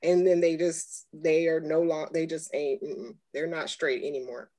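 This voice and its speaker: Lower-voiced woman, relaxed candid chat. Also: normal speed. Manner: relaxed, affirming, frequent mm-hmms. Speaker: podcast co-host.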